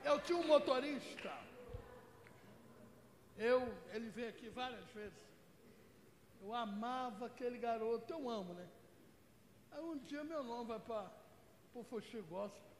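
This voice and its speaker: A woman's voice: fairly high pitch, animated, unhurried, long pauses, a little hiss or hum. A Brazilian woman missionary preaching a Pentecostal sermon, speaking emphatically and asking the congregation direct questions. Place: church hall. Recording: echoey church hall with long reverb.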